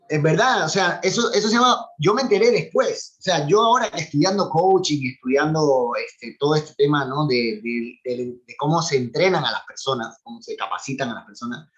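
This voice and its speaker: On a dull, lo-fi video call, a Cuban man who used to work as a cultural animator chats away, opinionated and quick to laugh. His voice sits on the high side with a fairly bright tone and a Cuban Spanish accent.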